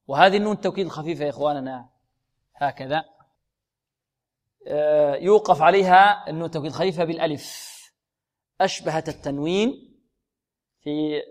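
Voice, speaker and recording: A middle-aged man teaching Quran recitation to a class, with a voice pitched a little high. He asks a question and answers it himself, then recites words slowly to show how they are read. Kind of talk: tajweed lesson with recitation.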